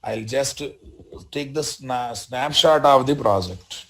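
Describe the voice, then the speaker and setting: A man with a Telugu Indian accent gives a live programming lesson at a middle pitch. He speaks in short instructional phrases, says key points again, and keeps checking understanding with questions. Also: slow, fairly bright tone. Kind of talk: live software tutorial.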